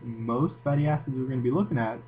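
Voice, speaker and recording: A man's voice: mid-range voice, fairly even intonation, fast. A man with a Moroccan accent giving an informal, explanatory science lecture as a tutor in an educational video. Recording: tinny phone-like audio, audible hum and hiss.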